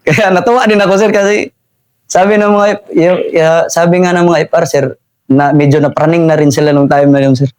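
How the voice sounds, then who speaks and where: Young Filipino soldier, high-pitched, saying "sir" constantly. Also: male voice, fairly even intonation, moderate pace, darkish tone, clean tone. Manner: says "sir" after nearly every phrase, with frequent chuckles. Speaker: soldier telling his war story. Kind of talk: casual interview storytelling.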